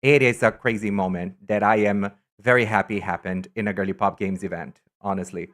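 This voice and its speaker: A campy, chatty male streamer from Brazil talks casually on a live stream, excitable and prone to trailing off into asides. His voice is on the low side, and he speaks fairly quickly.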